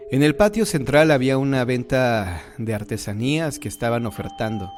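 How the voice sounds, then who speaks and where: A man tells ghost stories in a measured, scripted way. His voice sits in an ordinary middle pitch. Faint music plays quietly behind him. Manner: measured storytelling delivery. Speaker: horror story narrator. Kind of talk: scripted narration.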